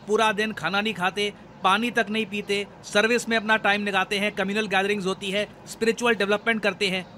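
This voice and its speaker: A man's voice: high-pitched, pushed and bright, slight background noise. A man explaining current affairs to viewers in a conversational, code-mixed lecture style. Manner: Hindi-English code-mixing, conversational explaining.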